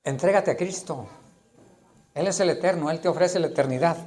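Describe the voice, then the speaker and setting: A man preaching a sermon with a notably high-pitched voice. He delivers it emphatically as a pastor, repeating his points and putting questions directly to the congregation. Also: a little fast, a little mellow.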